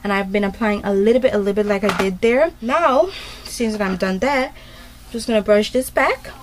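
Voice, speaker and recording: A woman's voice: medium pitch, moderate pace, background noise. Chatty woman rambling through a tutorial. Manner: chatty and rambling, many fillers. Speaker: beauty vlogger. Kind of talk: casual hair tutorial.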